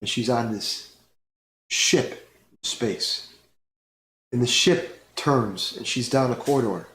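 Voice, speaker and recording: Game master, male, slow measured narration in a roomy space with faint hiss. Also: mid-range voice, fairly bright tone. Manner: slow, unhurried storytelling with fillers.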